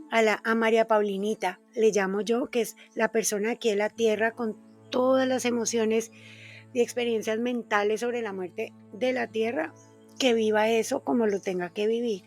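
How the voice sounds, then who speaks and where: Soft-spoken Colombian woman, higher voice. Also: steady tone, moderate pace, faint music behind. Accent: Colombian Spanish. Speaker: guest, intuitive communicator. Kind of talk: reflective personal storytelling.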